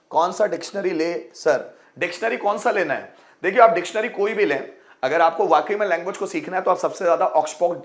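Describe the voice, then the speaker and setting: A middle-aged man teaching grammar at a board, repeating each rule slowly and answering viewers' questions. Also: a little high. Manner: repetitive, drills rules slowly. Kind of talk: classroom lesson at a board.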